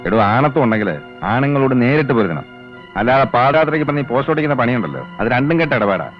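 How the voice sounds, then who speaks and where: A proud, protective teacher, played by a man, speaks fast in a fairly high voice, stern and threatening. The sound is dull and lo-fi, as in an old film with music underneath. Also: expressive, natural voice. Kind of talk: film drama acting.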